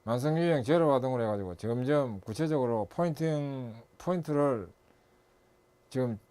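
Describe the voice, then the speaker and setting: A man's voice: medium pitch, lively intonation, normal speed, warm tone, clear, resonant tone. A middle-aged man lecturing as an instructor and consultant, listing steps methodically and correcting himself as he goes.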